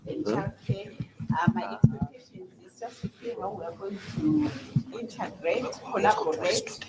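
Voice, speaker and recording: A woman working as a health ministry coordinator, introducing herself at a meeting in a soft, earnest way. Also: medium pitch, animated, normal speed, very noisy. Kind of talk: self-introduction.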